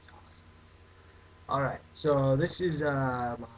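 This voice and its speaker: A man's voice: mid-range voice, slow. Young man hosting a jokey webcam Q&A. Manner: jokey, rambling, mock-outraged. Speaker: vlog host answering viewer questions. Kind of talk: casual comedic vlog. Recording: dull lo-fi webcam audio, faint hiss.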